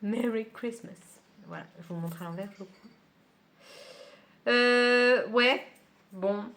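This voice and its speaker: A woman's voice: on the high side, takes it slowly, fairly bright tone. A woman book vlogger chatting casually at home while she unboxes a book subscription box, with many fillers and small laughs.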